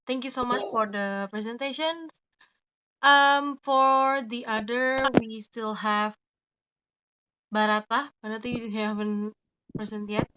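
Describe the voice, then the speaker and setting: A woman's voice: fairly high pitch, fairly even intonation, takes it slowly, highs cut off, noisy background. Polite woman moderating a video call. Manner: polite, brief, reassuring. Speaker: session moderator. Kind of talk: moderating an online session.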